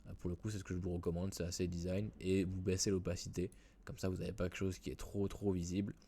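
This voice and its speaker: Low-voiced man talking through a tutorial. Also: little pitch movement, fast, mellow, slight background noise. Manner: casual, many fillers and restarts. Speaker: WordPress tutorial host. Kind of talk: screen-recorded software tutorial.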